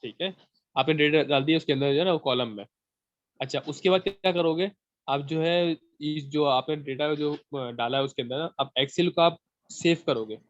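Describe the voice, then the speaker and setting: A man heard over a voice call with muffled, lo-fi sound and no room echo. He patiently explains a computer task one step at a time, often pausing to check the listener is following. His voice sits fairly high for a man. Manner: patient, repeats checks for understanding. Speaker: instructor. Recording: dull, lo-fi call audio.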